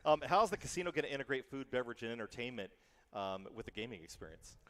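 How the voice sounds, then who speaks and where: Quick talking guy hosting a pregame show, jokey, tosses out questions. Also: mid-range voice, very animated, a bit bright. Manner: brisk, joking, reads questions. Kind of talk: sports show interview.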